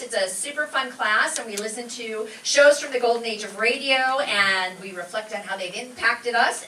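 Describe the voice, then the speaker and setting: Bright and forceful, this fairly high-pitched American woman is a class instructor introducing a show with an effusive, enthusiastic, informal welcome to the audience. She's in a live event room at a community learning center, picked up by a distant mic with a roomy sound and background noise.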